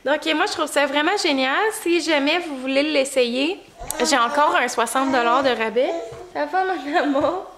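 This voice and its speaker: A young woman with a Quebec French accent and a fairly high voice talks to her vlog audience. Her delivery is informal and chatty, like telling everyday stories. Her articulation is slightly crooked, as with a freshly bitten, swollen tongue. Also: normal speed, a crowd in the background. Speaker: vlogger and mother. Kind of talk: casual vlog chat.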